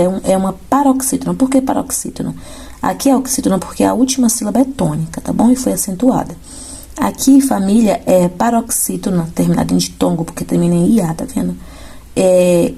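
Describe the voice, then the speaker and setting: This woman's voice is mid-range, warm, gravelly and a little rough. She teaches Portuguese grammar for an exam, going through questions step by step and frequently checking her students are following.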